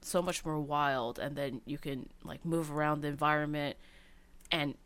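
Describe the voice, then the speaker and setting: Low-voiced woman rambling about games, lots of likes and ums. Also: steady tone, normal speed, fairly bright tone, clear, resonant tone. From Cantonese family background. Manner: rambling, many fillers and restarts. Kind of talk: casual chat about video games.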